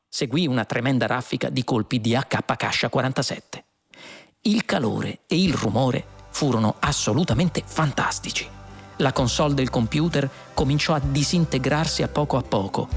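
A man narrating a science-fiction audiobook with expressive storytelling. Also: mid-range voice.

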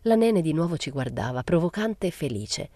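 Low, mellow woman reading a novel. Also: very animated, no echo, studio quality. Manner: measured, plain literary reading. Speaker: reader.

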